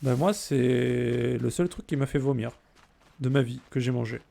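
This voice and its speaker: With a warm, creaky, mid-range voice, a let's play streamer keeps a steady tone at normal speed. He chats jokingly with his audience about the game and responds to their messages.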